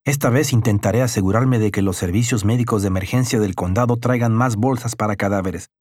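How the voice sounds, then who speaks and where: A man narrating an audiobook in the first person, with a measured, somber telling. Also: on the low side, a little mellow, dry recording, clean studio sound.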